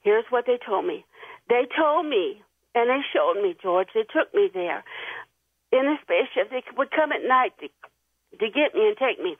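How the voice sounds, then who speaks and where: A woman calls in to a radio show over the phone, and the line sounds tinny and dry. Her voice sits a little high, and she talks in an earnest, nervous, rambling way. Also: lively intonation, normal speed, slightly rough, no room sound. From Tennessee. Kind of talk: call-in radio chat.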